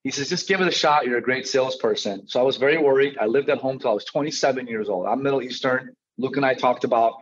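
Hardly pausing, a Chicago mortgage branch manager and coach in his thirties tells his personal story as a podcast guest, talking fast in a mid-range voice. The conversational recording is slightly dull and lo-fi, with slight background noise.

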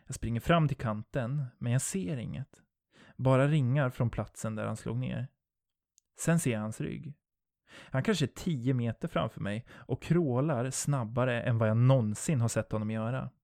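Gravelly man narrating horror. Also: mid-range voice, a little mellow, no echo, clean studio sound. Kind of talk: first-person horror audiobook narration.

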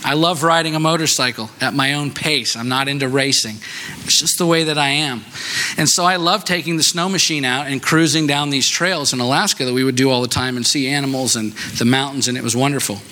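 Bright-voiced male pastor telling a story. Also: medium pitch, brisk. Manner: conversational, self-deprecating storyteller who asks "right?". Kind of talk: sermon with personal storytelling.

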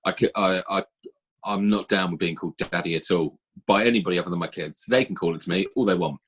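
A man with a husky voice hosting a casual, chatty podcast. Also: low-pitched, fast talker, slight background noise. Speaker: podcast host. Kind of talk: casual chat.

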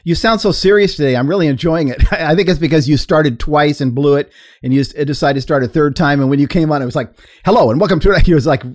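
A man's voice: on the high side, fast, darkish tone, no echo, clean studio sound. A middle-aged man co-hosting a talk show, explaining things earnestly and laughing easily. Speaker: co-host and teacher. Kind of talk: explanatory discussion.

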